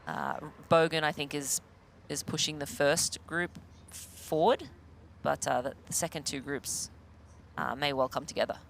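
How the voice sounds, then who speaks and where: A man co-commentating a live race, hesitant and filling pauses with uhs as he checks gaps and names. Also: on the high side, animated, gravelly, fairly bright tone, slight background noise. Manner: hesitant, many uhs while checking details.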